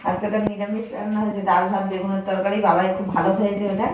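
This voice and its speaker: A woman's voice: medium pitch, little pitch movement, racing, lo-fi sound. Bengali woman with a cold in an echoey kitchen. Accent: West Bengal Bengali. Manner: chatty, addressing viewers as friends. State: has a bad cold, runny nose. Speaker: homemaker vlogger. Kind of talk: casual vlog monologue to viewers. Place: kitchen while making tea. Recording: very echoey room with clear noise.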